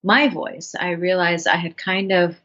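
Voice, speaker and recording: Speaking at a measured pace with a steady, slightly bright tone and fairly low pitch, this woman from Bangladesh, in her thirties, is a writer and actress giving a reflective interview. She comes across as earnest and thoughtful, with frequent restarts, on a dull lo-fi recording.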